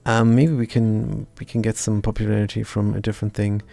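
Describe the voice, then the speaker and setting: Gravelly, dark, and lowish, this man's voice is delivered flatly and fairly quickly over soft background music. He's a German live-streaming coder with a German accent who thinks aloud, chats with his audience, mutters half-finished lines, and pokes wry fun at himself.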